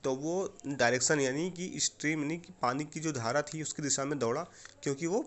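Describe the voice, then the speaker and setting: A young Indian man teaching an online English class, speaking with an Indian accent. His voice sits slightly high for a man. He works slowly through each answer, repeating key words and often checking in with his students. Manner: explains slowly and repeats, often asking "okay?".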